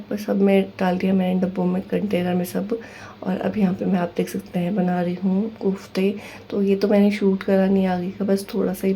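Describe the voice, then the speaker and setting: Woman in her thirties, host of a home vlog, rambling, hushed and even, with a mellow tone and faint ambience behind. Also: mid-range voice, slight background noise. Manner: soft, hushed, rambling with restarts. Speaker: housewife vlogger. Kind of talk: casual kitchen vlog voice-over.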